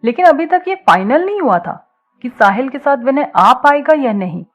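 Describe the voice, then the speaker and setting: A woman with a high voice narrates a scripted audio story at a moderate pace, using an expressive storytelling style. The recording sounds slightly muffled.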